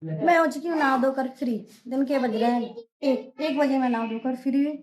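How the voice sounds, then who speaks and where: A young woman with a sore, hoarse throat, chatting casually through her village vlog, coaxing and scolding family and kids. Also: high-pitched, normal speed, a little mellow. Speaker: village vlogger. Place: outdoors in a village, farmyard and lanes.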